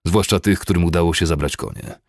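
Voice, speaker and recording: Performed by a man, a brutal cavalry colonel with a deep, gravelly rasp that turns into a roar. His speech is curt and commanding, with each order barked dry and close. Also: fairly quick, dry recording. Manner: barking curt orders, erupting into roars. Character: furious, cold, violent male cavalry colonel.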